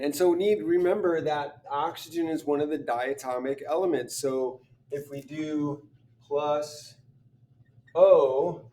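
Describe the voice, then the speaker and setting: A man working through chemistry practice problems, thinking aloud, often clearing his throat and restarting sentences. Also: a little high, a little mellow, distant mic, slight background noise. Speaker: chemistry teacher.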